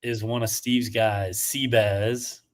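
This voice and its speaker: A man's voice: fairly low pitch, little pitch movement, slow. Matter-of-fact man reading results. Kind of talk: casual podcast chat.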